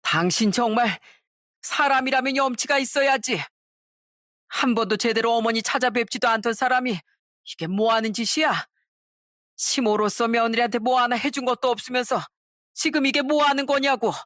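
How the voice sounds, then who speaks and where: A woman voices a stern middle-aged father-in-law who speaks in calm, firm words. The recording is dry and close. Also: fairly high pitch, normal speed, no echo, lightly acted.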